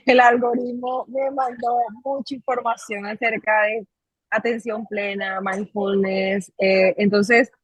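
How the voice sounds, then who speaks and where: A woman, guest on an interview podcast, talking in a measured way with frequent pauses and fillers. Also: mid-range voice, breathy edge, dry recording, rough recording. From Colombia, Caribbean coast. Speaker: psychologist and mindfulness coach, guest. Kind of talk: interview guest, reflective storytelling.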